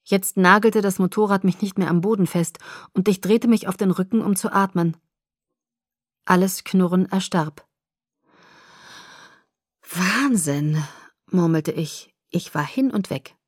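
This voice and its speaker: Woman reading a first-person novel aloud, expressive and measured, mid-pitched, dry close mic. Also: dry recording. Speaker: audiobook narrator. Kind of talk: first-person audiobook narration.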